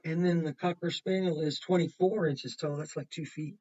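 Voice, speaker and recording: Her voice is low-pitched and mellow, with fairly even intonation and normal speed. This woman, a kindergarten teacher, reads a picture book aloud and breaks in with simple explanations, points out details, repeats things, and asks the children questions. It is recorded muffled, from a distant microphone.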